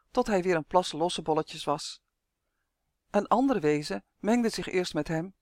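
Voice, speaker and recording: Audiobook narrator for a children's fantasy; steady, expressive reading, dry close recording. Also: mid-range voice, no room sound. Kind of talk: scripted storybook narration.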